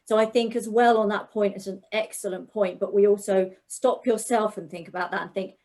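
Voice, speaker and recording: A woman's voice: medium pitch, steady tone, brisk, darkish tone. A woman on a discussion panel giving reflective advice about confidence.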